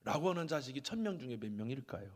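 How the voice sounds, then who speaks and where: A man's voice: mid-range voice, sing-song, fast, in a large hall. A man preaching a sermon as pastor in a church sanctuary, who acts out family members in quoted voices.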